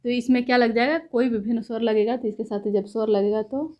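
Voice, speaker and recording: A woman's voice: fairly high pitch, fairly even intonation, fast talker, darkish tone. Woman teaching step by step. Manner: explains step by step, asks herself questions; says "ठीक है" after points. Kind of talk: classroom lecture.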